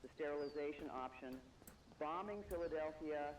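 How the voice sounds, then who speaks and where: A man voicing a grave male radio news anchor, reading an emergency broadcast in a measured, solemn way. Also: a little high, over a noisy crowd, natural voice. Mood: urgent. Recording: distant, noisy broadcast audio.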